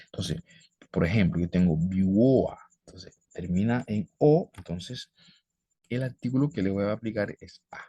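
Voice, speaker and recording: A man teaching a language lesson, patiently explaining rules and repeating example words slowly. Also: low-pitched, dark tone, husky, no echo, dull audio. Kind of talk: classroom-style explanation.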